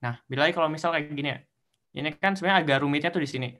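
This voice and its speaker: A man's voice: on the high side, racing, sharp tone. A young man teaching assistant explaining code step by step in an online tutorial. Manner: explains step by step, counting through indexes.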